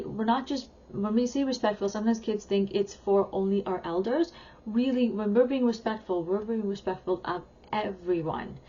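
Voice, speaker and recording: A woman's voice: mid-range voice, dark tone, lo-fi sound. A woman who is a parenting educator, talking in a chatty, upbeat way and stressing key words as she teaches. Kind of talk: talking-head teaching video.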